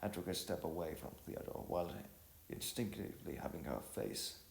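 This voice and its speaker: A deep-voiced man narrates a scripted story at normal speed with lively intonation, though he often stumbles and repeats phrases. The recording has a roomy echo, a little hiss or hum, and a clear music bed underneath.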